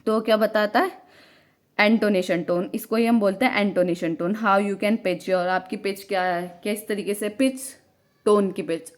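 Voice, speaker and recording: Woman teacher, exam-prep lecture, slow read-out English notes, Hindi explanations, rhetorical questions, fillers, mid-pitched voice. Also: steady tone.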